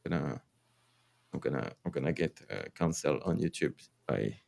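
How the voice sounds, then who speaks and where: A man's voice: rumbling low, expressive, moderate pace, gravelly, darkish tone. A man with a French accent hosting a casual crypto livestream, rambling with lots of fillers, swearing and laughing.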